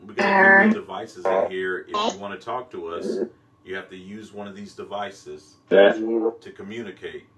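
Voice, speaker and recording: A man's voice: low-pitched, expressive, normal speed, pushed and bright. A man with an American accent plainly explaining devices to spirits in a casual ghost-hunting vlog. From Colorado, United States. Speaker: paranormal investigator vlogger. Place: indoors in an old mansion. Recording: tinkling music-box tune behind. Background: music box playing.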